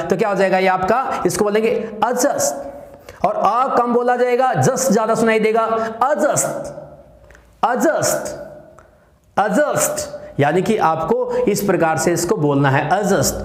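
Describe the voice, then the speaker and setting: Man, pronunciation teacher, high voice, echoey room. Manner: slow, repeats each word many times, asks and answers himself. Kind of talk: classroom lesson.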